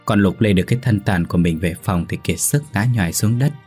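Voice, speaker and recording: A man reads a horror story aloud in a steady, measured way. His voice is very low and husky, with faint music playing underneath the narration. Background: faint background music.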